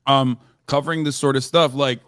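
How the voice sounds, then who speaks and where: A man's voice: medium pitch, steady tone, moderate pace, fairly bright tone, no room sound, clean studio sound. A man who grew up in Turkey, a commentator debating on a live stream, hesitant with many fillers and restarts, swearing now and then.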